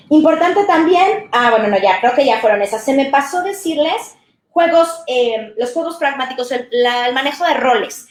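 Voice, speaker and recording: A woman speech therapist, explaining to parents in a warm, conversational way with everyday examples. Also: high-pitched, reverberant. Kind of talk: talk to parents.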